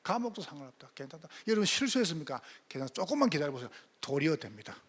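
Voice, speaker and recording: A male pastor preaching a sermon, firing rhetorical questions and swinging between loud emphatic calls and hushed asides. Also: on the high side, very animated, very fast, husky.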